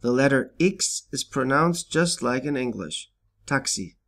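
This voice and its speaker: Male language teacher, slow, measured voice-over with clear pauses between example words. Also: mid-range voice, animated, fairly bright tone. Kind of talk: scripted instructional narration.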